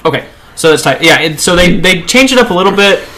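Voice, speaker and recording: A man co-hosting a casual podcast chat, rambling with halting restarts. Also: high voice, animated, bright, forceful tone. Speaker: podcast co-host.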